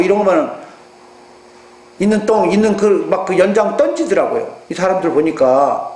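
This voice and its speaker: A man with a Jeolla accent preaches from a church sanctuary, his voice pitched high for a man. He preaches with animation and keeps putting questions to the congregation. The sound rings around an echoey room over a steady mains hum. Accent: Jeolla Korean. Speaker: pastor. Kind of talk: sermon.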